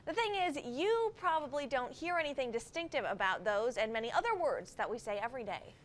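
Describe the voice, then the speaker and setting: A woman news anchor reading scripted news in a crisp, measured way. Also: high voice, big pitch swings.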